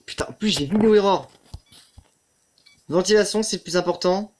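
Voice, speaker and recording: A man's voice: sits high, moderate pace, a little mellow, slight background noise. A man giving let's play commentary on a horror game, muttering to the game, swearing often and yelping when startled.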